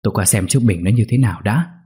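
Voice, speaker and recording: A man voicing a gruff but caring older brother who gives brusque orders. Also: fairly low pitch, fast talker, warm tone, close to an everyday voice. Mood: urgent. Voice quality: brusque, bossy.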